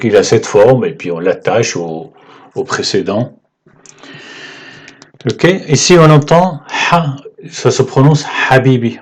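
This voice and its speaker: A man teaching the alphabet in French, patient and halting, often checking in with "ok?" as he writes. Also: mid-range voice, a little mellow. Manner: slow, halting delivery with fillers. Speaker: Arabic teacher. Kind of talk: whiteboard lesson explaining letters.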